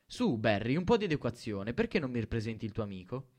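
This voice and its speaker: A man voicing a bright, cheerful young mother who gushes and chatters. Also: medium pitch, very animated, fast talker. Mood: bubbly. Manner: gushing, effusive.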